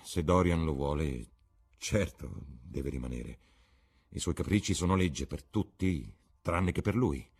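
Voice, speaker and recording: A man's voice: very deep voice, expressive, a little slow, vocal fry, darkish tone, husky, full character voice. A man doing a grave, subdued painter. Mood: reluctant.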